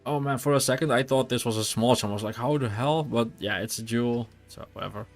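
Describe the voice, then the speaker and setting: A young man from the Netherlands with a Dutch accent chats casually while streaming a game, rambling with fillers and restarts. His mid-range voice is fast, with faint music in the background.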